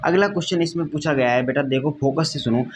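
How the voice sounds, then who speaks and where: There's background noise as a man with a slightly high voice talks fast through a science lesson at the whiteboard. He's repetitive, refers to students as "beta," and asks frequent questions to confirm they've understood.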